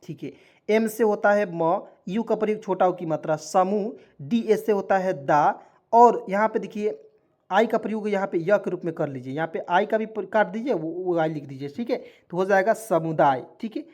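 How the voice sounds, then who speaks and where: A man's voice: high-pitched, normal speed, a little mellow. A man teaching an online lesson, spelling words out letter by letter, repeating himself and checking in with viewers again and again. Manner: repetitive, keeps checking in with viewers.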